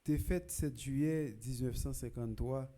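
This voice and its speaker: A man with a Haitian accent, a priest reading the gospel and giving a funeral homily in a church, measured and rising to loud proclaiming calls. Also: mid-range voice. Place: church during a requiem mass.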